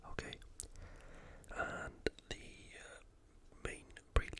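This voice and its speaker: Speaking only in whispers, an ASMR host muses through casual, unscripted sports preview commentary, going extremely slowly.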